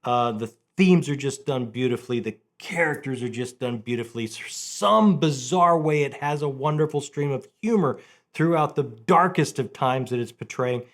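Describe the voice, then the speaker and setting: A book review channel host, middle-aged and male, speaks at a moderate pace with a medium-pitched, fairly bright voice and lively intonation. He is casual and enthusiastic, repeating phrases to emphasize them.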